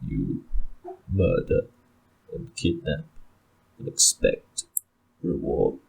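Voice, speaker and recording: Man voicing Ulfric Stormcloak, a low, husky, brooding jarl. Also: sing-song, drawn-out words, a little mellow, heavily acted, low-quality recording. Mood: cold, incredulous. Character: brooding, imperious jarl on a stone throne.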